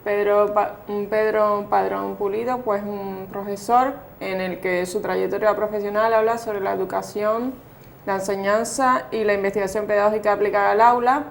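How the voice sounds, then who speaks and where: A woman's voice: medium pitch, little pitch movement, normal speed, creaky, slight background noise. A woman interviewing a guest on local TV, reading an introduction and asking short questions. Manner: reads introductions, brief agreeing interjections. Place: local TV studio.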